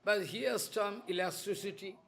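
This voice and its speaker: A spiritual teacher, a man, telling a moral story in a sermon, speaking in short, halting phrases of simple broken English and pausing for his interpreter. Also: sits high, creaky, crowd noise.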